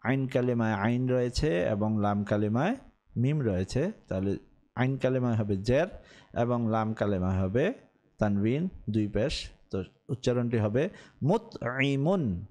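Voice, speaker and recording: A man gives an unhurried recorded lesson on Arabic grammar, with Bengali as his first language. He recites each word form slowly and deliberately, and his pitch lifts as he chants through the drills. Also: lively intonation, warm tone.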